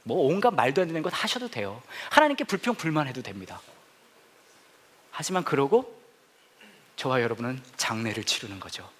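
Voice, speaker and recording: A man's voice: mid-range voice, big pitch swings, fairly quick, pauses often. A male pastor telling a humorous, self-mocking story in a sermon to a congregation. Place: church service before a congregation.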